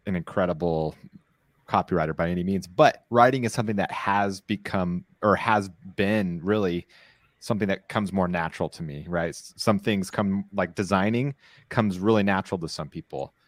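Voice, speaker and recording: A man who makes products, talking in a relaxed, reflective way in a casual panel chat. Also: deep voice, moderate pace, no echo. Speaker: product maker.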